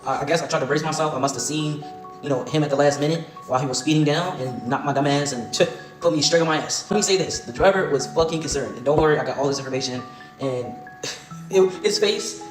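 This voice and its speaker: A young man tells a story to camera in a rapid, profane, laughing way. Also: on the high side. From Baltimore, USA. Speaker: storytime vlogger. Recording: echoey room with music behind.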